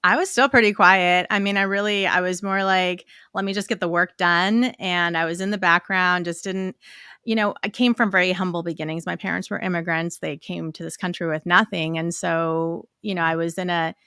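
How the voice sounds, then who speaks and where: A woman's voice: fairly low pitch, fairly even intonation, normal speed, sharp tone, smooth, no room sound, clean studio sound. A woman from Chile whose first language is Spanish, chatting openly as a guest on a live stream and laughing easily. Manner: friendly, open, laughs easily. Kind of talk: casual interview chat. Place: live stream video call.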